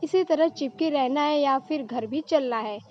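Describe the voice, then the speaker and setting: Woman reading a teasing giggly young woman, high-pitched, storybook, muffled lo-fi recording. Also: moderate pace, lightly acted.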